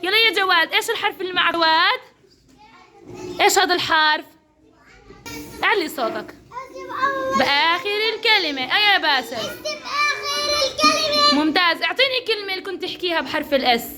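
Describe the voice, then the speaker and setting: A woman's voice: very high voice, expressive, fast talker, pauses often. A woman with a Levantine Arabic accent teaching a kindergarten class, encouraging and praising each child by name. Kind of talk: classroom instruction.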